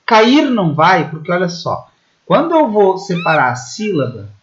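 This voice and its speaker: A man's voice: high voice, wildly swooping pitch, normal speed, a little hiss or hum. A Brazilian man, a Portuguese teacher, explains grammar rules step by step, often checking in with "né?". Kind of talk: recorded online grammar lesson. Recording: slightly muffled lo-fi audio.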